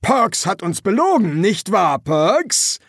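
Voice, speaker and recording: A man's voice: high-pitched, big pitch swings, takes it slowly, a bit bright, no echo, studio quality, pitched above the performer's own voice, full character voice. A man voicing a cunning, cool old army sergeant who speaks in a commanding way, in a German audiobook. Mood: sly.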